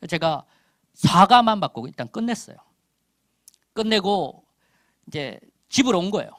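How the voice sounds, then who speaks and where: A man in his forties preaches with emphasis, his fairly high voice climbing into loud calls and then dropping to near-whispered asides. The pitch swings widely as he tells a story from his own life. The sound is dry and close to the mic. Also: no room sound. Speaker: missionary preacher. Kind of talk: sermon with personal testimony.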